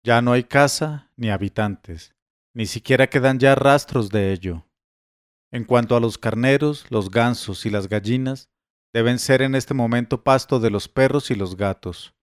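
A man voicing a scheming male servant who fakes grief with drawn-out laments. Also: medium pitch, clear, resonant tone, no room sound, studio quality, lightly acted. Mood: mournful.

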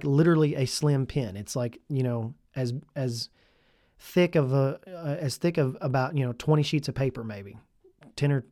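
A man's voice: mid-range voice, darkish tone, no room sound, studio quality. A man, a youth minister hosting a podcast, talking casually and enthusiastically about his gear and repeating himself as he goes. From Tennessee.

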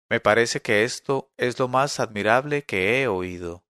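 Guy reading an old story, steady and measured, dry close mic. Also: medium pitch, no echo. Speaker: narrator.

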